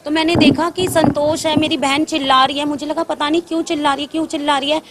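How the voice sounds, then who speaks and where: High-pitched woman giving an urgent account. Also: level tone, quick pace, very noisy. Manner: urgent, addresses reporter as sir. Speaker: eyewitness. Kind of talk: news interview testimony.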